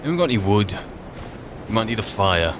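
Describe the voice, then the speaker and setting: With some background noise and game music behind him, a British man voices a roleplay character in a video game. His lowish voice is sing-song and a little fast, and his commentary is wry and conversational, like he's talking to himself.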